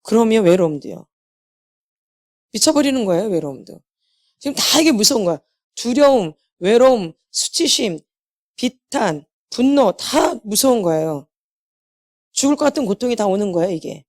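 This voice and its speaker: A woman's voice: medium pitch, big pitch swings, moderate pace, long pauses, darkish tone. A woman preaching a healing sermon to a congregation, repeating key phrases and asking questions she answers herself. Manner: asks the congregation rhetorical questions and answers them. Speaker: healing ministry lecturer.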